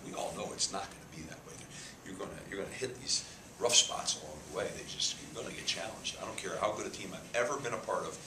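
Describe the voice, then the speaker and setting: A head football coach in his fifties answers questions at a press conference, emphatic, repeating words and gesturing, in a press room with a sponsor backdrop. His low voice is fast with hardly any pauses, picked up by a table mic cluster in an echoey room with faint hiss.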